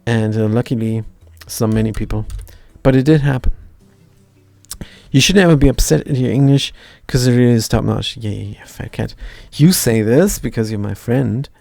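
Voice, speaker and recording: During a live coding stream, a man from Germany with a German accent talks through his work and chats with viewers, wry and self-deprecating, trailing off into half-finished mutters. His voice is medium-pitched, gravelly, and darkish at a moderate pace, with no room sound and soft music underneath.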